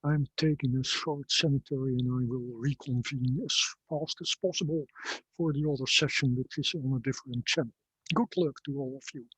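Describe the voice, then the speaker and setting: A man chairing a PhD ceremony over a video call, formal and measured with a wry edge. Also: mid-range voice, fairly even intonation, a bit bright, husky, no echo, low-quality recording.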